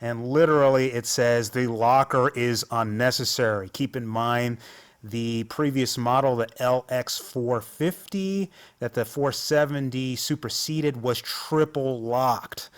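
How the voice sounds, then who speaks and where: A man's voice: mid-range voice, measured pace, smooth. An American man, host of an off-road channel, giving casual, enthusiastic and self-mocking commentary over trail footage. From United States.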